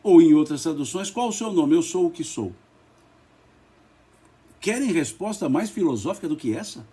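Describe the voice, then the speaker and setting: Brazilian man leading a spiritist study; slow, emphatic delivery, husky, with a lively pitch. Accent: Brazilian Portuguese. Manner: slow and emphatic, spells out letters, repeats words. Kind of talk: religious study talk.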